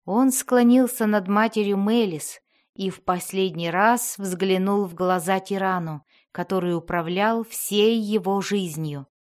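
Measured woman narrating a fantasy audiobook. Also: medium pitch, a little mellow.

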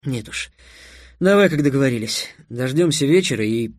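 A man voicing an earnest, cautious young hero, speaking low and subdued. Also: expressive, normal speed, no echo, clean studio sound, lightly acted.

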